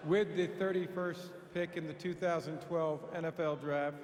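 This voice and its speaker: A man's voice: a little high, fairly even intonation, normal speed. A man making a formal announcement in a large echoing hall. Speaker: announcer at podium. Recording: echoey large hall, noisy ambience.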